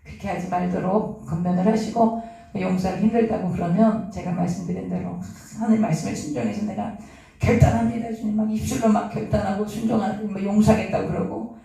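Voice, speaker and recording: Distant, echoey, mellow-voiced preacher. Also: mid-range voice, fast talker, vocal fry. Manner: earnest, conversational preaching with frequent fillers. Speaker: pastor. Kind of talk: sermon-style Bible reading and teaching. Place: church.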